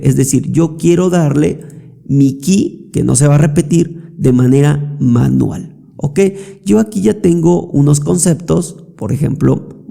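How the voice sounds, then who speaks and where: A man walking through a software tutorial step by step, checking in often with quick questions to the viewer. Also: medium pitch, gravelly. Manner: explanatory, frequent check-ins like "¿ok?" and "¿listo?". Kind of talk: screen-recorded software tutorial.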